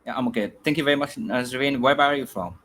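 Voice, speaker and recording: A man's voice: medium pitch, fast, fairly bright tone, a little hiss or hum. A man moderating an online English study group, polite and thanking people often, with many fillers. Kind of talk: online group session hosting.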